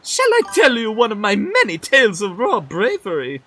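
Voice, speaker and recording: A man's voice: high voice, huge pitch swings, moderate pace, pushed and bright, pitched above the performer's own voice, heavily acted. A man voicing a pompous, boastful male adventurer who talks in a grandiose, theatrical way.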